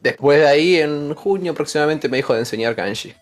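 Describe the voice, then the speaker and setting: A man's voice: fairly high pitch, fast talker. A man with an Argentine Spanish accent, a kanji teacher telling a chatty story in a casual group conversation.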